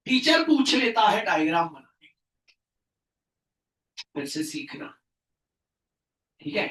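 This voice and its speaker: A man teaching a classroom chemistry lesson as a tutor, asking questions and answering them himself, with loud bursts of emphasis and English science terms mixed into his speech. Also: high-pitched, big pitch swings, slow. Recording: echoey room, mic at a distance.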